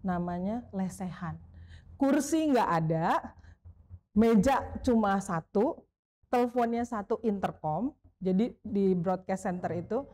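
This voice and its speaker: A middle-aged woman spins long, lively anecdotes as an interview guest, mimicking the people in her stories. Her voice sits at an ordinary middle pitch. Her tone is warm and mellow rather than bright. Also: takes it slowly. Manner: animated, acts out quoted voices, often adds "Pak". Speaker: veteran sports broadcaster, guest. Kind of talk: storytelling in a casual interview.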